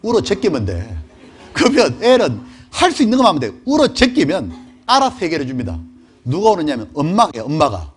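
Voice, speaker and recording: Middle aged guy pastor preaching, pitch jumps all over, chatty, keeps asking the crowd stuff. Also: fairly quick, slight background noise. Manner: lively, conversational, asks the audience questions. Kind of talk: sermon lecture to a congregation.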